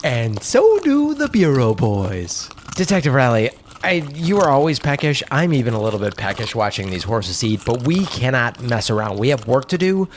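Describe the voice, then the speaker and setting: A man's voice: medium pitch, sing-song, normal speed, slight background noise. A man co-hosting an improvised comedy podcast, joking and punning in playful banter. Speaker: podcast co-host.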